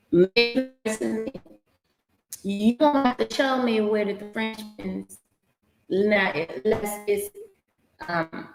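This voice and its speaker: A woman hosting a casual livestream, talking slowly and haltingly with many fillers and restarts. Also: medium pitch, vocal fry. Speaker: livestream host. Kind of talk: casual livestream talk about history. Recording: echoey room with faint guitar music.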